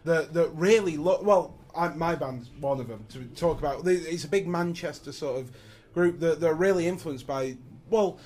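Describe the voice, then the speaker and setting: A man's voice: fairly high pitch, moderate pace, few pauses, darkish tone. A young adult man interviewing, asking rambling questions full of fillers. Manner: hesitant, filler-heavy questions.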